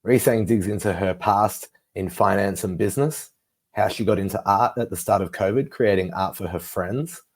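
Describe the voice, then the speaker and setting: A man's voice: fairly low pitch, normal speed. A man hosting an interview, introducing a guest in a friendly way with frequent fillers. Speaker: interview host. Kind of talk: podcast interview.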